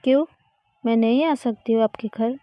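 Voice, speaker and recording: A woman voicing an upset young college woman who accuses her friend, in a reproachful, drawn-out way. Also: a little high, dark tone, no room sound, close to an everyday voice. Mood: hurt, accusing.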